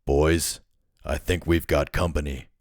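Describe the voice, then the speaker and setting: A gruff, rough-voiced gang boss from a fantasy audiobook who taunts his men in a slow, mocking drawl. The voice sits deep, as a man takes on the part and the sound is dry. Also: steady tone, no room sound. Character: low, rough male gang leader.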